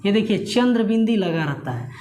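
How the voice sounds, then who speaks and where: A male Hindi grammar teacher explaining a lesson to students. He asks questions, answers them himself, and repeats key words slowly. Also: high voice, expressive, a little mellow. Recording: echoey room with faint noise.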